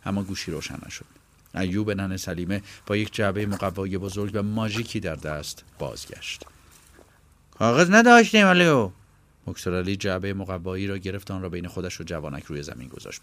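Man, audiobook narration, calm, measured, somewhat low voice. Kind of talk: scripted narration.

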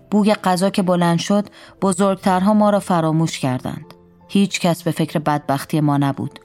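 A woman reading a first-person story aloud in a calm, wry storytelling manner. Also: deep voice.

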